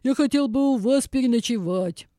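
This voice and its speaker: A woman's voice: a little high, moderate pace, mellow, dry recording, clean studio sound, close to an everyday voice. A woman voicing Misha the earnest bear. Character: young male bear from the forest, earnest and bewildered. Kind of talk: storybook reading.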